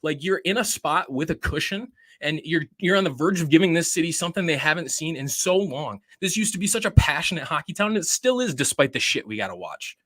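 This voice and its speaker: A man co-hosting a sports podcast, venting in a frustrated, swearing rant full of rapid rhetorical questions. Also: fairly high pitch, expressive, a bit bright, no echo. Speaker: podcast co-host.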